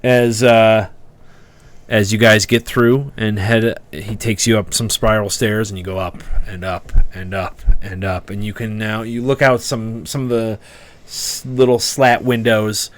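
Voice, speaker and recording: Male game master, slightly low voice, halting conversational scene-setting for tabletop play. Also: level tone. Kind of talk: improvised tabletop game narration.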